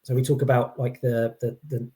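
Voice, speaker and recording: A man's voice: mid-range voice, little pitch movement, normal speed, dark tone. A man giving an informal expert explanation, hesitant, often restarting and qualifying his points. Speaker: employee engagement consultant as guest.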